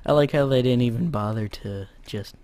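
A young American man casually commenting on his gameplay, joking around and sometimes shouting loudly. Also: mid-range voice, moderate pace. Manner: chatty, jokey, bursts into loud shouts. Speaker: gamer.

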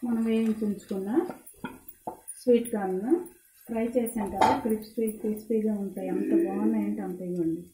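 A cooking channel host demonstrates a recipe at her home stove, chatty and instructive, repeating each tip. Her mid-range, steady voice is a little fast and echoes around the kitchen over a noisy background of sizzling oil and a spatula clicking against the pan.

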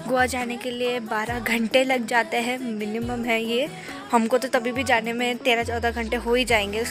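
A young woman chatting as a travel vlogger, upbeat and chatty as she gives a guided tour. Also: on the high side. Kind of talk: casual vlog chat, mixing Hindi and English. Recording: loud music playing underneath.

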